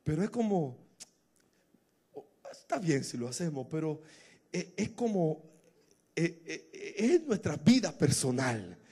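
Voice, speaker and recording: High-pitched man preaching a fiery sermon. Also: very animated, takes it slowly, pauses often, husky. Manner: emotional, builds to shouting exclamations.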